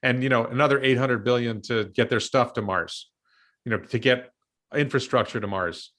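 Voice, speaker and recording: American man, 50s, bright tone, casual talk show host, rambling with restarts. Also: mid-range voice, moderate pace. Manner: thinks aloud with many ums and restarts. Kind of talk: casual discussion.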